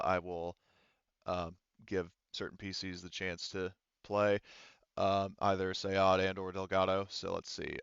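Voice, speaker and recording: A man serves as game master for a tabletop roleplaying game, chatting casually and thinking aloud with some hesitation. His voice sits fairly low, with a fairly bright, clear and resonant tone. The online voice chat sounds slightly dull and dry, with no room sound.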